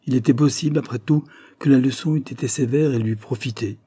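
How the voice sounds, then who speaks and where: A man's voice: medium pitch, a little fast, warm tone, breathy edge, no echo. A man reading an audiobook, voicing an anguished, guilt-ridden young man who confesses and breaks into desperate outbursts. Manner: tormented, rising to desperate outbursts.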